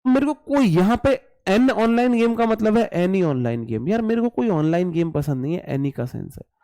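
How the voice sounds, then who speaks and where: A man's voice: high-pitched, expressive, moderate pace, mellow, no echo, clean studio sound. A man teaching an English class online, casual and repetitive, drilling words aloud and calling students his brothers. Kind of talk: online exam-prep class.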